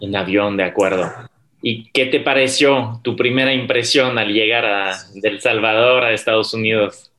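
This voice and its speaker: A man's voice: fairly low pitch, steady tone, moderate pace, sharp tone. A man, a university professor hosting an interview podcast, asking polite questions with a few fillers.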